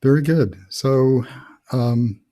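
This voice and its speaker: A man's voice: medium pitch, takes it slowly, mellow. A middle-aged man, an author hosting a casual interview over a video call, thinking aloud with many fillers. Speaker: author and host.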